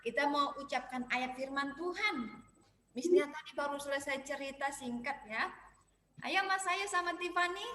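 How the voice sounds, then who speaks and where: A woman preschool teacher telling a story and leading young children in an online class, animated and exclaiming. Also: sits high, moderate pace, a little hiss or hum. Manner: animated, exclaiming, sing-song. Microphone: video call. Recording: echoey room with long reverb.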